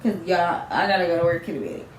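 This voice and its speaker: A young woman, telling a casual storytime vlog with lively, animated delivery and frequent laughs. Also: fairly low pitch, fast talker. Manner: animated storytelling, acts out quotes, laughs often. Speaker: vlogger. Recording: echoey room, faint background noise.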